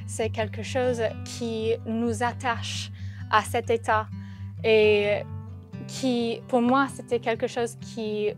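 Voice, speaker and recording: A woman's voice: fairly high pitch, flat delivery, takes it slowly. A woman giving a reflective interview as a teacher, searching a little for her words. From Louisiana, United States. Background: plucked guitar music.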